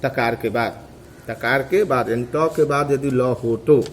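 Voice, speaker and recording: A man teaching a grammar lesson, asking questions and answering them himself, repeating each term slowly to drill it. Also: medium pitch, a little hiss or hum. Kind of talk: classroom lecture.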